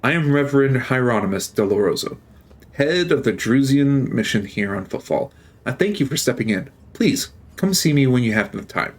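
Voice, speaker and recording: A man's voice: medium pitch, lively intonation, normal speed, lightly acted. A man voicing a gaunt, sanctimonious old male priest in a video game, reading his lines in a solemn, preachy way. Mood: solemn, probing. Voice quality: rasping, harsh.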